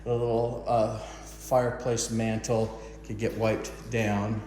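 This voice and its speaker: A man acting as landlord, narrating a walkthrough video of an empty house in a slow, halting way with plenty of pauses. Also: lowish voice, level tone, mellow. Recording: roomy echo with faint noise.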